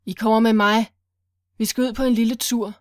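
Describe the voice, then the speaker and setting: A woman's voice: fairly high pitch, level tone, no echo, clean studio sound, natural voice. A woman voicing a furious, vengeful man who barks commands at his captives. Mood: commanding. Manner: barking, roaring commands.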